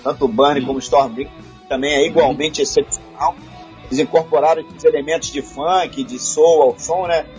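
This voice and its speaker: Steady male co-host introducing tracks. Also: fairly high pitch, moderate pace. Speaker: radio co-host. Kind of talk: radio show presenting. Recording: muffled sound with faint music.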